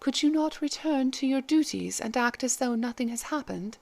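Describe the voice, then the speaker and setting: A woman reading the part of a calm, kindly head maid who speaks gently and formally. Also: sits high, moderate pace, creaky, voice pushed up. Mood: gentle.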